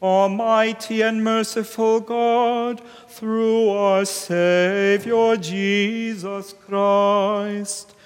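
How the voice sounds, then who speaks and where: A priest intoning the liturgy slowly and solemnly in a large church, his voice ringing with cathedral echo. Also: sits high, flat delivery, smooth. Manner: slow, solemn sung intoning. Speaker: priest leading a service. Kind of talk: chanting and speaking liturgy. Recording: long church reverb, faint organ music.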